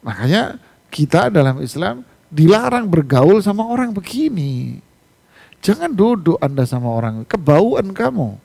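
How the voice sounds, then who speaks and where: Delivering a mosque sermon that explains the Quran, a male Islamic preacher narrates stories energetically and asks rhetorical questions. He speaks at a measured pace, his voice sitting high with vocal fry.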